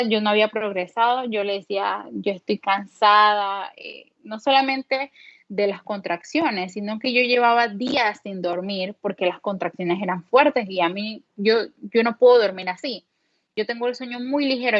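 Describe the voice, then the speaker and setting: A woman's voice: medium pitch, no room sound. Panamanian lady, young, candid chatty storytelling, lots of "eh", kinda dull lo-fi audio. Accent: Panamanian Spanish. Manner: candid, animated retelling with many fillers. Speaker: guest mother. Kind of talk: personal storytelling.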